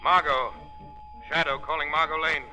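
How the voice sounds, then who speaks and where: An actor playing a mysterious unseen avenger in a 1940s radio drama, taunting, intense and theatrical. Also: male voice, a little high, fairly even intonation, normal speed, loud music behind the voice, close to an everyday voice, poor audio. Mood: urgent, calling. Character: mysterious unseen male avenger, mocking and ominous. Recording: old radio recording.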